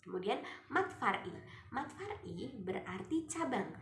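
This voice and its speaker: Slow, high-voiced woman explaining recitation rules. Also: very animated, a bit bright, slight background noise. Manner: explains rules, then draws out example words slowly. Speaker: student. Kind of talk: recited tajwid lesson with Quran examples. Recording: echoey room, faint music behind.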